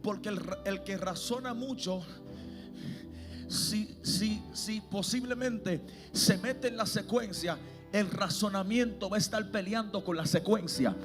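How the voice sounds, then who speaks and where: A male evangelist preaching an impassioned sermon to a church congregation, swinging between hushed and shouted delivery. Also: high voice, unhurried, music in the background.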